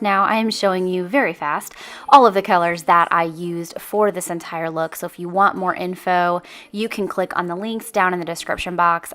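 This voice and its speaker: A woman's voice: fairly low pitch, a bit bright. A chatty woman with a lilt walks viewers through a makeup look step by step. She sounds upbeat and friendly, speaking straight to her audience as if they were her girlfriends. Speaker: beauty channel host. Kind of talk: makeup tutorial.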